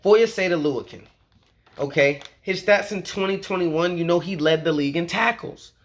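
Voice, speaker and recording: A man's voice: high-pitched, moderate pace. A man recording a casual fan vlog about his football team, talking in a slangy, hyped-up way with lots of "okay?" and "you feel me?". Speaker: sports vlogger.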